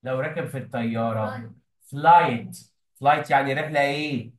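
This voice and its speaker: A man's voice: mid-range voice, a little slow. A man with an Egyptian Arabic accent teaching an English lesson to a classroom of students, often prompting them with questions. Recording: echoey room, mic at a distance.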